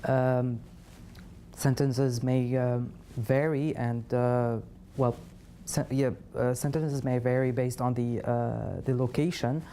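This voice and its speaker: A man from Syria, answering in a TV studio interview in a halting way, with many pauses and fillers. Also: medium pitch, little pitch movement, dark tone, slight background noise. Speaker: interview guest, refugee.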